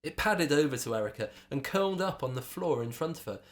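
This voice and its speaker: A man reads his own children's story aloud with dramatic flair. His pitch rises and falls widely to carry the action. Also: fairly quick. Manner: dramatic, animated narration. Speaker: author reading his book.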